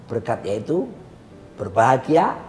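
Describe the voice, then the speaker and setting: A man's voice: mid-range voice, very animated, a little slow, over music. A male pastor teaching in a conversational sermon style, preaching emphatically with his co-host. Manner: emphatic preacher, repeats partner's phrases. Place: coffee lounge. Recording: roomy reverb with faint background hum.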